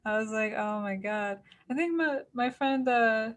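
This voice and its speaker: A woman hosts a casual podcast chat with a fairly high voice. She sounds upbeat, keeps the talk moving, and laughs easily. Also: a little slow. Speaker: podcast host.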